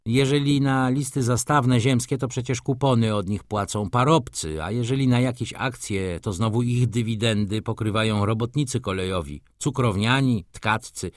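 A man's voice: mid-range voice, normal speed, hardly any pauses, no echo, clean studio sound, lightly acted. A man voicing a subdued, reasoning middle-aged merchant in an audiobook. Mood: uneasy.

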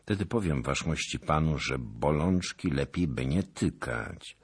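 A man voicing a stern, grieving young officer who speaks in a cold, restrained, measured way in an audiobook. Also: rumbling low, animated, husky, exaggerated voice. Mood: cold restraint. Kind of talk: audiobook character voice.

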